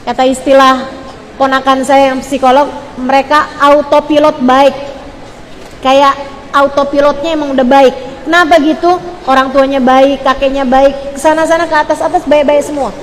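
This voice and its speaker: A woman's voice: high voice, fairly even intonation, normal speed, big-room sound, a little hiss or hum. A woman preacher giving an earnest sermon to mothers, speaking straight to her listeners and repeating phrases for emphasis. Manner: addresses listeners directly as mothers. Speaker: Islamic preacher. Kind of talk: sermon to women.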